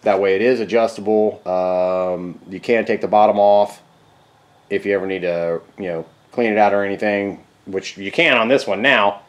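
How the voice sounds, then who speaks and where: A man's voice: fairly low pitch, steady tone, normal speed. A man talking casually to camera in his home garage, rambling in a laid-back way with many fillers and restarts. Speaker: garage vlogger fixing scooters. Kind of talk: casual workshop talk to camera.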